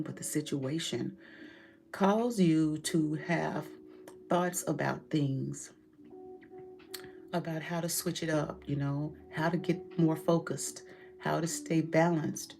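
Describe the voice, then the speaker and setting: A woman's voice: low voice, creaky, a little mellow. A woman giving a tarot reading straight to her client, direct and emphatic, with casual swearing. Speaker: tarot reader.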